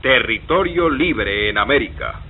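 A male radio announcer giving a formal station identification in a slow, measured way, heard over a fading shortwave broadcast. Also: medium pitch, lively intonation, narrow, tinny audio.

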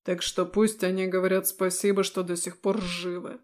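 A woman reading an audiobook, voicing a cold, scornful male demon who speaks slowly with a hiss. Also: fairly low pitch, little pitch movement, a little mellow, natural voice. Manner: hissing, slow, scornful. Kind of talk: audiobook character voice.

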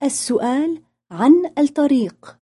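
High, lilting, mellow female lesson reader. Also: animated. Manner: deliberate repetition-drill delivery. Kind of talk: scripted phrasebook narration.

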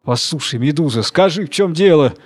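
A man voicing a clever, sly female monkey from a fairy tale, speaking higher and mocking. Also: animated, fairly quick, breathy edge. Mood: anxious. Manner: taunting, higher-pitched.

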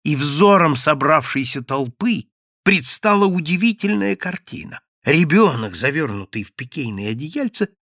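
A man reading a classic satirical story aloud as an audiobook narrator, in an animated, theatrical way. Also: on the high side, normal speed, no echo, clean studio sound.

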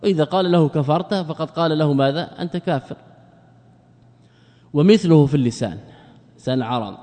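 A man's voice: a little high, brisk, warm tone, long reverb tail. A male sheikh teaching a grammar lesson, often asking and answering his own questions and repeating words for emphasis. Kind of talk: classroom lecture on Arabic grammar.

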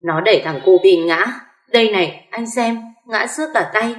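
Shrill furious older mother-in-law hurling accusations, a woman doing the voice; echoey. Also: normal speed, natural voice. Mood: accusing. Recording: echoey room.

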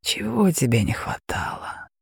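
A man voicing a gravelly, menacing dragon. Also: fairly high pitch, big pitch swings, no echo, whispered, exaggerated voice. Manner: slow, growling, sneering. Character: huge menacing male dragon, cruel and mocking. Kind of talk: audiobook acting.

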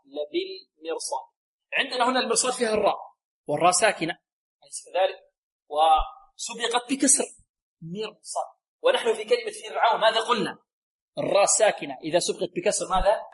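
A man teaching tajweed on a radio lesson. He explains the rules, asks his pupils questions, answers them himself and recites verses slowly. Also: high-pitched, low-quality recording. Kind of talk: tajweed lesson with call and response.

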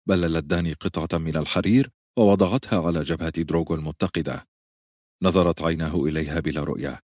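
Deep-voiced man narrating an audiobook. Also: a little mellow, no room sound, studio quality.

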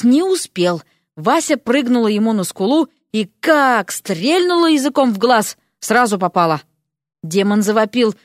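A woman reading a fantasy story aloud with lively, expressive narration. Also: on the high side, dry recording, studio quality. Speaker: audiobook narrator.

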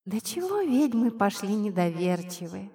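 A woman's voice: mid-range voice, big pitch swings, moderate pace, warm tone. A woman voicing a cheeky invisible male spirit that turns into a tiny winged kitten, speaking in a nasal whisper with a teasing, condescending manner, in an audiobook reading. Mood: sulky teasing. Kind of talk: audiobook narration.

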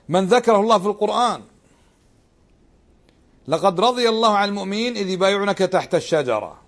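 A middle-aged man giving a religious lesson, pressing his points with rhetorical questions and repetition. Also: high voice. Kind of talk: religious lesson explaining a text.

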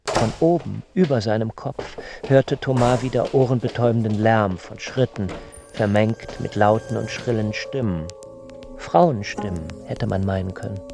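A man narrating a literary radio play in a calm, measured storytelling voice. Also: fairly low pitch, vocal fry, over music.

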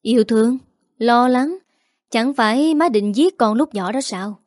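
A woman's voice: medium pitch, brisk, darkish tone, no echo, studio quality, natural voice. A woman reading a storybook voices a young husband who sounds irritable and weary, then placating. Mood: strained. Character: young husband caught between wife and mother.

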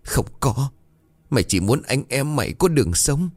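A man voicing a grieving elderly village mother in a ghost story, pleading in a high, tearful voice. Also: very animated, moderate pace, a little mellow, dry recording.

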